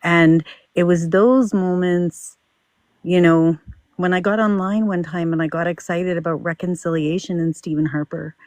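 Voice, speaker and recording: A woman's voice: fairly low pitch, fairly even intonation, moderate pace, darkish tone, no echo. Female participant, reflective and earnest, casual personal storytelling, close dry recording. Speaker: discussion participant.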